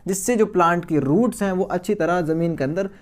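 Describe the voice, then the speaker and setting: Here a male science teacher with a high voice talks a little fast in a recorded lecture for students. He repeats the key terms, answers questions he puts to himself, and treats the class as friends and guys.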